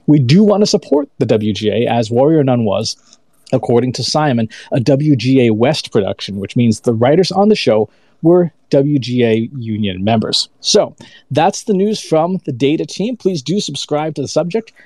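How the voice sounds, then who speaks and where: A man on a campaign data team giving a steady, informative update in an online audio chat. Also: mid-range voice, moderate pace, dry recording.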